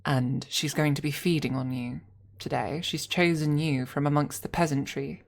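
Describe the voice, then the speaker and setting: A young adult woman streaming, chatting casually and thinking out loud as she plans a role-play with her chat, laughing often and swearing freely. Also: low-pitched, steady tone, normal speed, gravelly. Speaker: ASMR streamer.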